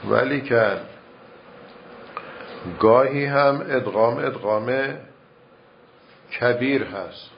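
A man teaching recitation rules in a measured, step-by-step way, reciting verse examples as he explains. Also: mid-range voice, gravelly. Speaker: religious teacher. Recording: muffled lo-fi recording with faint noise.

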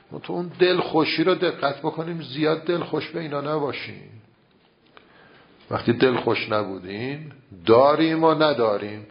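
A man's voice: mid-range voice, gravelly. A man giving a seminary-style religious lecture, explaining ideas through rhetorical questions and everyday examples. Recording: dull lo-fi recording.

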